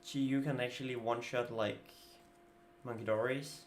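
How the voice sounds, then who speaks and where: A man with a Danish accent, a native Danish speaker, livestreams himself playing cards and mulls over his moves aloud in a casual manner, muttering asides. His mid-range voice stays steady at a moderate pace, with a little hiss or hum in the background.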